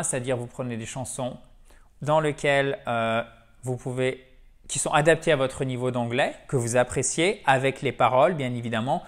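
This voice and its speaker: A man who speaks natively, teaching English in a lively, chatty way and drilling words over and over. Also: medium pitch. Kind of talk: French-language English lesson.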